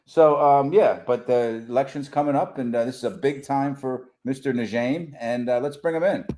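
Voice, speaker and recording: Co-hosting a local podcast, this man keeps things light in a casual chat, cracking jokes and laughing a lot. His voice is mellow and mid-range, delivered at a moderate pace.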